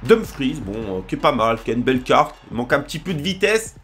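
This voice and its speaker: A young man commenting as he opens packs in a game, often shouting and repeating names in excitement. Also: mid-range voice, fast talker, breathy edge, soft background music. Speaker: gaming video creator. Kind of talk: excited pack-opening commentary.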